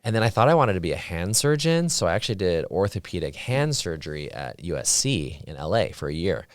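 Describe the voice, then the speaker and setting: A man's voice: low voice, sing-song, brisk, no room sound, studio quality. A man in his thirties, a plastic surgeon guest, chatting casually with many fillers. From Utah, raised partly in Saudi Arabia. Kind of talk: casual interview chat.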